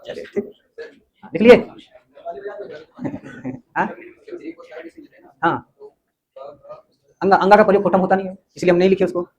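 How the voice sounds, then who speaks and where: High-voiced man teaching a classroom. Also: fairly even intonation, a little mellow, dull audio. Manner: explains slowly, keeps checking the class understands. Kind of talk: classroom lecture.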